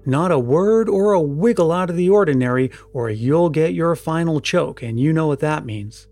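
A burly kidnapper from an old-fashioned adventure story, threatening his captive in slow, heavy commands, as a male narrator puts him on. The voice sits a touch high for a man. Soft music runs under the reading. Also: animated, dry recording. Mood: menacing.

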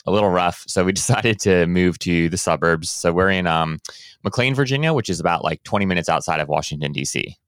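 A man in his thirties from Hawaii with a very low, smooth, resonant voice, chatting casually as a podcast guest. He talks in a relaxed, rambling way, full of fillers and restarts, from a small closet studio with a dry, close sound. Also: no echo. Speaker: guest, business owner. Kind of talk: casual conversational interview.

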